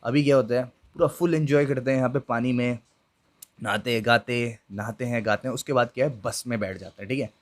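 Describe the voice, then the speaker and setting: A man's voice: mid-range voice, steady tone, a little fast. A young man tells his own ghost story in a casual, chatty way. He talks to his viewers directly and keeps checking in with fillers as he goes. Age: young adult. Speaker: YouTube storyteller. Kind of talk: casual first-person ghost story narration.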